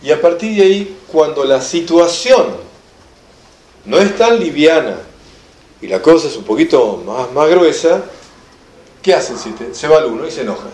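Rioplatense male teacher, higher voice, very animated delivery, acts out examples, echoey lecture room. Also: normal speed, pauses often. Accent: Rioplatense Spanish. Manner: animated storyteller, acts out quoted voices with laughter. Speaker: enneagram teacher. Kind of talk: lively classroom lecture.

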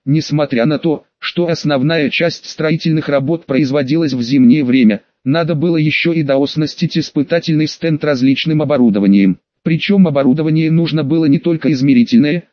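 Мужчина-чтец, глуховатая сухая запись. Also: male voice, fairly high pitch, fairly quick, few pauses, no room sound, dull audio. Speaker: audiobook narrator. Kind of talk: first-person audiobook narration.

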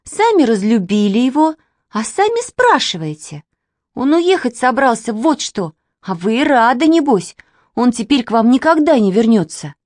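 A woman's voice: high-pitched, sing-song, unhurried, hardly any pauses, warm tone, dry recording, clean studio sound, voice pushed up. A woman reader voicing a bold little girl who blurts things out and pleads, in a children's storybook. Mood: blurting.

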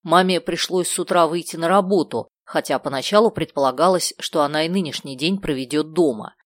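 A woman narrating a children's book in a steady, clear storytelling manner. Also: deep voice, brisk, no room sound. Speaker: audiobook narrator. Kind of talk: scripted narration.

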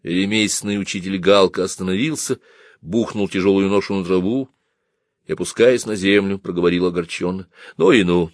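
A man narrating a story aloud in an expressive, measured reading. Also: deep voice, dry recording, studio quality. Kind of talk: audiobook reading.

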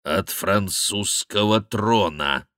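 Man doing a fat mocking monk, loud and preachy, slow forceful delivery, bright tone, audiobook. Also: on the low side, dry recording, studio quality. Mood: menacing. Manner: bellowing, scornful, preaching. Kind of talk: audiobook character reading.

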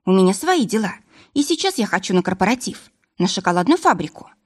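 A woman's voice: mid-range voice, big pitch swings, fast, slightly rough. A woman reading an audiobook voices a defiant, sarcastic young woman in a raised voice.

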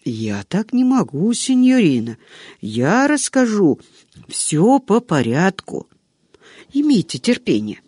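A man's voice: high voice, huge pitch swings, darkish tone, husky, no echo, studio quality, heavily acted. A man doing a chatty old servant woman. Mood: garrulous. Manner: rambling, drawn-out storytelling. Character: chatty old female servant, long-winded and unhurried.

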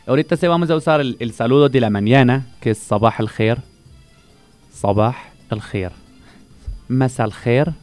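His mid-range, slightly mellow voice moves at a normal speed, with faint music behind it. He is a Palestinian teacher, Arabic his first language, appearing on radio to patiently teach greetings and repeat each word for emphasis.

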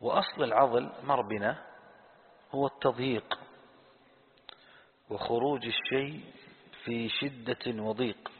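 A man teaching a lesson on Quran commentary, asking the audience questions and answering them himself, and slowly repeating key words. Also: medium pitch, fairly even intonation, slight background noise. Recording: tinny phone-like sound in a reverberant hall.

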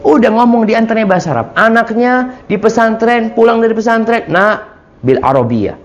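A man giving an Islamic study sermon with lively, sweeping pitch swings, mixing in Arabic phrases. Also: fairly quick. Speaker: preacher. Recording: dull lo-fi lecture audio.

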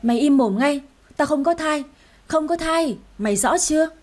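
A woman's voice: sits high, animated, moderate pace, a little mellow, pitched above the performer's own voice. A woman voicing a rude, spiteful young sister-in-law who insults and sneers. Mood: sneering.

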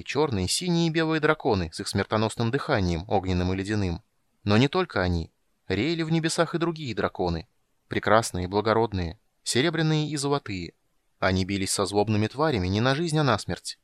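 A male audiobook narrator with a low voice. He reads in a lively, animated way, his pitch moving widely. The recording is dry and close. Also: brisk, no echo. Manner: expressive, animated reading.

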